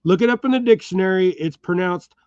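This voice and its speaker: A man's voice: sits high, a little fast, a little mellow, smooth, no room sound, lo-fi sound. A middle-aged American man with a slight Texas twang, chatting casually and chuckling as he ties fishing jigs and talks to viewers by name. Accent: Texas-tinged American, says y'all. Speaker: channel host. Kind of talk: casual chat while tying jigs. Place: home workshop.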